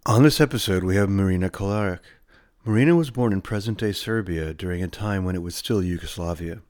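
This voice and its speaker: A man with a low voice hosts a podcast, reading sponsor spots and a guest introduction before easing into conversation. He speaks in a close, dry sound and leans on ums and uhs when talking off script. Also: a little fast, a little mellow, no room sound. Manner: hesitant, many fillers in conversation. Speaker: podcast host.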